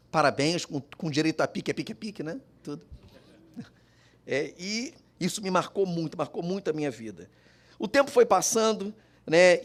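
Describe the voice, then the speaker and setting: A man giving an emotional personal testimony as a father at a public forum, acting out the voices of his family as he tells the story. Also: on the high side. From Brazil.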